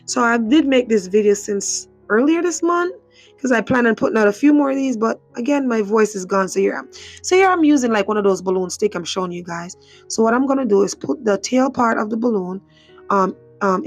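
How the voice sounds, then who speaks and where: A craft channel host whose hoarse voice is mostly gone narrates a home craft tutorial in a loose, chatty voice-over. Her voice is mid-range, and she keeps repeating herself, circling back with "so" and "again" at each step. Faint music plays underneath.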